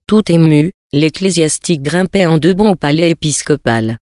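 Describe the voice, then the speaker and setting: A narrator giving a measured audiobook reading of a period tale. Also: medium pitch, a little mellow, no echo, clean studio sound.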